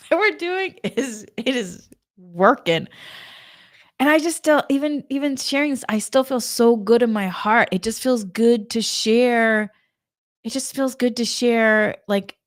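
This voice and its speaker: A woman with a smooth, resonant voice talks in a casual, heartfelt monologue as a spiritual coach. She chats to her listeners as y'all, open and emotional. The sound is close and dry, with no room echo. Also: medium pitch.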